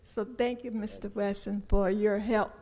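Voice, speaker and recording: A woman in her eighties with a frail, breathless voice gives an informal thank-you speech, halting between short phrases. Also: medium pitch, flat delivery, dark tone. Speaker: speaker honored at a ceremony. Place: large echoing council chamber. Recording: reverberant hall.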